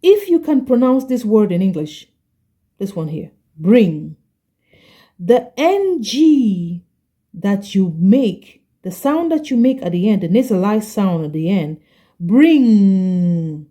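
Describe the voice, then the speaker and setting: A woman teaching a French lesson, explaining patiently and repeating each word slowly, often checking in with "okay?". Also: mid-range voice, big pitch swings, warm tone. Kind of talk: slow explanatory language lesson.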